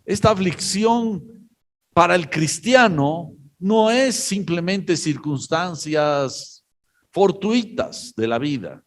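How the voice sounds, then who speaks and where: A man preaching a sermon, telling a story in a slow, halting way with many pauses. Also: sits high, lively intonation. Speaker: pastor.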